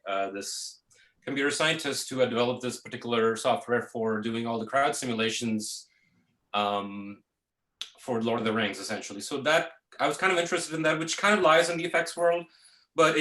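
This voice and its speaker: Male guest, 30s, from Pakistan: easygoing and rambling, bright tone, echoey call audio. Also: medium pitch. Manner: relaxed, full of fillers like "uh" and "you know". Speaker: guest, visual effects artist. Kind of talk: casual interview answers.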